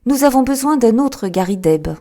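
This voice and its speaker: A woman voicing a sharp, composed male detective in an audiobook, with a lifted, emphatic delivery. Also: on the high side, expressive, normal speed, voice pushed up, lightly acted. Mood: amused. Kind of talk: audiobook character reading.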